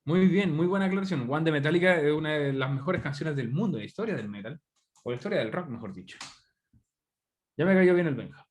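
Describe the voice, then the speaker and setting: Speaking fast in an expressive voice on the high side, this man from Chile runs an English class online, in Spanish. He's chatty and keeps checking in by asking students questions, heard through a computer microphone on a video call.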